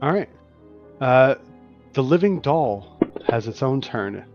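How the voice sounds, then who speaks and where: A man's voice: medium pitch, animated, slow. A man narrating as game master in a livestreamed tabletop game, describing scenes with frequent restarts and fillers. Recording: lo-fi stream audio with faint music.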